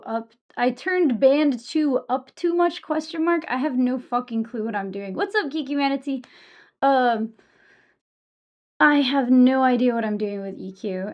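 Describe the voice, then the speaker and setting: A woman chatting casually on a livestream in a sweary, self-deprecating way, with harsh, sibilant S sounds. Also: on the high side. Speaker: streamer. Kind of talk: casual livestream chat with viewers. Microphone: streaming microphone with EQ and compressor. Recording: muffled, dull microphone sound.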